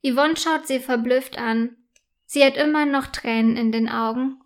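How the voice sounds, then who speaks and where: A woman narrating a children's story in a slow, clear, gentle storytelling manner. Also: sits high, steady tone.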